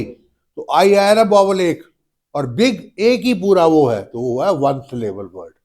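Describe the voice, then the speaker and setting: A man teaching a grammar lesson, dictating rules slowly and stretching out each word. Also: high voice, a little mellow. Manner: slow, drawn-out word-by-word dictation, addresses students as beta.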